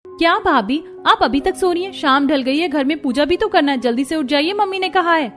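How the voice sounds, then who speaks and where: A woman plays a lively young sister-in-law in a cartoon, chatty and caring. Her voice sits high and bright, with light music under it. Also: fairly quick, lightly acted. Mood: urging.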